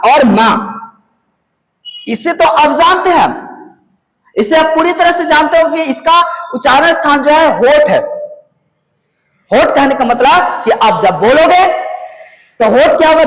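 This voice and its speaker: A male teacher explains a grammar lesson in a very high, lively voice that climbs and drops as he quizzes his pupils. He asks questions and answers them himself, repeating key points and sounding out letters slowly one by one. His voice carries a long reverb, as if recorded in a large room. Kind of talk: classroom-style lesson to students.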